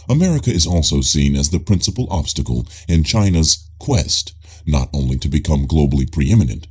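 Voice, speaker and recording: Formal and measured like an audiobook narrator, a man reads nonfiction with a husky, low voice. His pitch rises and falls with lively movement through every sentence.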